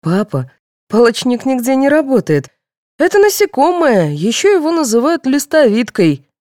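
A woman reading the part of a clever, cheeky teenage boy who calmly argues back. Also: high-pitched, moderate pace, no room sound, studio quality, voice pushed up. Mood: smug. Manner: calm, reasoning, pert.

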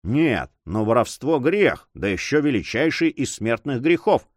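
A man voicing a rough, hot-tempered sea captain who talks bluntly and mockingly. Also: medium pitch, very animated, unhurried, no echo, clean studio sound.

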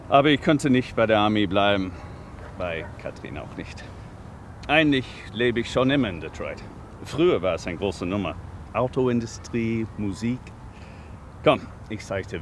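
Amid outdoor urban ambience with traffic, a lowish-voiced man, very animated and at a moderate pace, portrays a proud, easygoing homeless sanitation worker from Detroit. The mood is reflective and casual, and his plain-spoken speech has slightly broken German grammar, in a naturalistic radio drama framed as a documentary interview.

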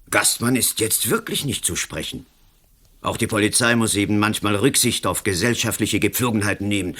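In a radio play, an actor portrays a pompous, imperious national councillor and colonel with a Swiss accent. His male voice is lowish, gravelly and husky, with a fairly bright tone.

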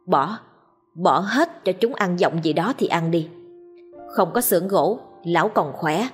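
A woman telling a scripted ghost story in a steady, dramatic way. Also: lowish voice, unhurried, slightly rough, faint music behind.

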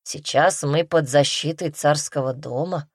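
A woman's voice: sits low, a little slow, husky, dry recording, clean studio sound. A woman voicing a talkative, lecturing male creature companion in an audiobook.

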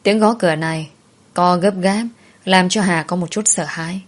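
A woman reading a story aloud in a calm, even scripted narration. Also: fairly low pitch, normal speed.

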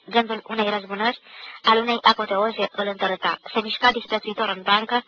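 A woman giving a measured, expressive literary reading of a novel for radio. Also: mid-range voice, slight background noise. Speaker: reader of a novel. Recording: dull lo-fi 1990 radio recording.

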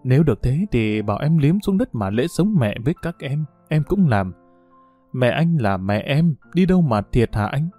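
A man's voice: medium pitch, big pitch swings, normal speed, dark tone, faint music behind. A man voicing a frightened young wife. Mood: pleading.

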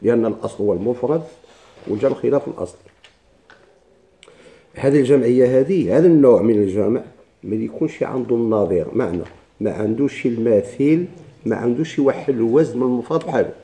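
A man's voice: mid-range voice, animated, fast, mellow. A man with a Moroccan Arabic accent teaching a classroom grammar lesson, explaining step by step and asking his own questions.

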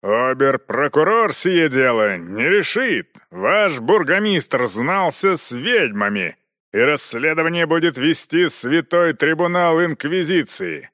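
A man reading an audiobook, voicing a stubborn knight inquisitor who speaks loudly and firmly in measured phrases. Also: on the high side, animated, no room sound, studio quality, pitched above the performer's own voice, heavily acted. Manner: firm, loud, measured. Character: stern stubborn male knight inquisitor, bold.

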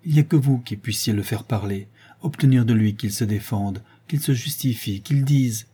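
A man's voice: mid-range voice, normal speed, warm tone, slightly rough. A man voicing a desperate middle-aged mother who pleads and protests to defend her accused son. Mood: anguished. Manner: pleading, indignant, breaking into cries.

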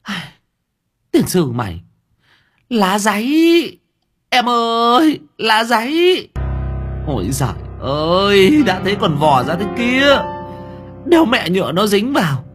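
A man putting on a shrill scolding woman exorcist. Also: wildly swooping pitch, fairly quick, a bit bright, faint music behind. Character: brash middle-aged female exorcist, sharp-tongued.

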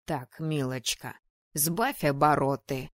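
A woman's voice: sits low, slow, no room sound, clean studio sound, voice pushed down. A woman voicing a scratchy old ghost man. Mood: stern. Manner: stern, scolding. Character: grumpy old male ghost, stooped and gray-haired. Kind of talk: audiobook narration.

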